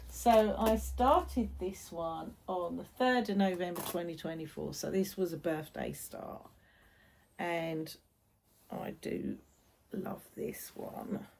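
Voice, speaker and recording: A woman's voice: medium pitch, a little hiss or hum. A woman with a British accent chatting casually as a vlog host, often repeating phrases for emphasis. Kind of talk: casual chat.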